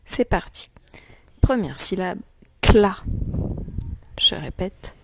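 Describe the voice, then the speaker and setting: A woman teacher giving a slow dictation lesson to young children, saying each syllable clearly and repeating it. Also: fairly low pitch, lively intonation, background noise. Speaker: primary school teacher.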